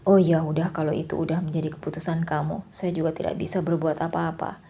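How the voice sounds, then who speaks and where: A woman voicing a middle-aged male shop boss who questions his employee firmly, in a storybook reading with a husky voice. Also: low-pitched, little pitch movement, fast, dark tone.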